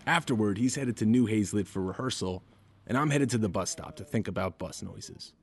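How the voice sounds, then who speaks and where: A man's voice: on the low side, a little fast, background noise. Wry man hosting a podcast. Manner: wry, conversational. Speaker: podcast host. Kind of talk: scripted radio narration.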